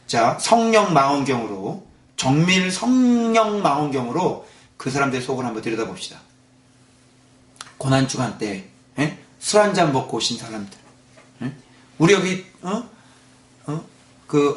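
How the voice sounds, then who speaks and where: A man's voice: a little high, fairly bright tone, echoey room. A male pastor giving a Sunday morning sermon in a church, firing rhetorical questions at the congregation. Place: church sanctuary.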